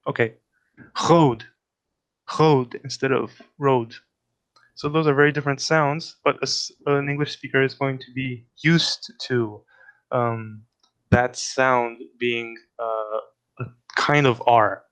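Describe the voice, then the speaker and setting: A man's voice: medium pitch, level tone, unhurried, fairly bright tone, clear, resonant tone. Man, casual linguistics explainer, self-correcting, thinks aloud. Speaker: linguistics presenter.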